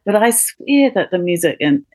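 A middle-aged woman with a notably deep voice answers interview questions in a relaxed, hesitant way, full of fillers and small laughs. The recording is close and dry, with no room sound. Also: normal speed, no room sound. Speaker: podcast guest, company co-founder. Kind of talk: casual interview chat.

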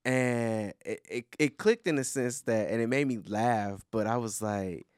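Animated storytelling man, dry close mic. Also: medium pitch, unhurried, smooth, no echo. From Flint, Michigan. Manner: animated storytelling, laughs a lot. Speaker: podcast guest. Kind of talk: casual podcast chat.

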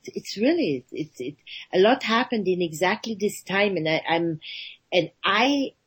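A woman and actress talking as a radio guest, halting often and searching for her words. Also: mid-range voice, lively intonation, husky, low-quality recording. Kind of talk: radio interview conversation.

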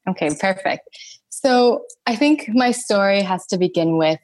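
A young adult Thai woman, an energy healer appearing as a podcast guest, tells her story in a lively, conversational way, laughing between phrases. Her voice is medium-pitched and a little slow, and the recording is dry.

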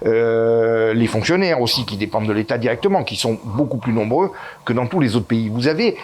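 A political interview guest of Italian origin talks fairly quickly, his medium pitch carried by lively intonation. Hesitation marks his speech through frequent fillers and false starts, and he drives home key words with emphatic rises.

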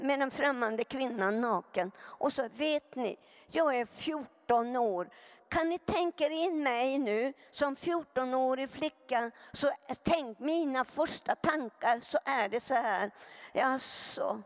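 A woman giving an earnest personal testimony to a live audience, often turning to them with direct questions. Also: sits high. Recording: long hall reverb.

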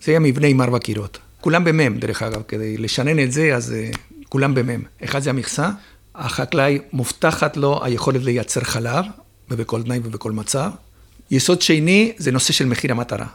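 Gravelly husky man explaining dairy farming. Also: medium pitch. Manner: explains step by step with many filler pauses. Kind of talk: explanatory interview talk.

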